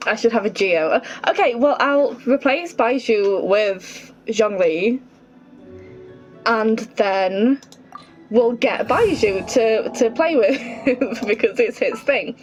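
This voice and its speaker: Slow and a little high, a woman's voice carries casual gaming commentary, with her thinking out loud and reacting expressively as she plays. She streams games, and the somewhat dull audio has faint game music in the background.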